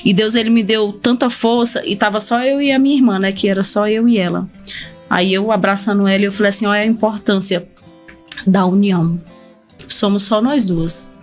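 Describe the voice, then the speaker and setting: A woman with a Brazilian accent tells her story of faith as a podcast guest, speaking earnestly and plainly at a mid-range pitch. Faint music plays underneath her voice. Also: steady tone, moderate pace. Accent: Brazilian Portuguese. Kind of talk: casual testimony on a podcast.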